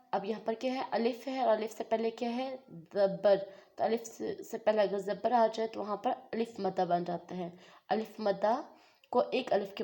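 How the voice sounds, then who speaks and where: A woman teaches Quran recitation step by step. She chants phrases slowly and stretches them out, then explains each rule by asking and answering her own questions. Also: mid-range voice, mellow. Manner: slow, drawn-out recitation between patient explanations. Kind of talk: step-by-step tajweed lesson.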